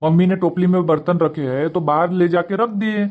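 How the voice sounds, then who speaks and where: A man voices a flustered cartoon husband caught between wife and mother, begging and smoothing things over. His delivery is high, a touch fast, slightly mellow and natural-sounding.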